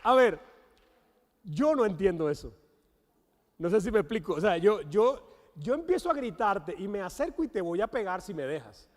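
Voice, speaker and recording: A man with a Venezuelan accent, a guest pastor, preaching a sermon with animated storytelling and acted-out quotes. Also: high-pitched, normal speed, pauses often. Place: church sanctuary. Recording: long church hall reverb.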